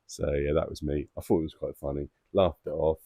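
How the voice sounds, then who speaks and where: Low-voiced man telling a story. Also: flat delivery, a little fast, warm tone. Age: adult father of two boys. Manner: chatty, self-mocking, laughs as he tells it. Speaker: koi-keeping vlogger. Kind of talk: casual storytelling to camera.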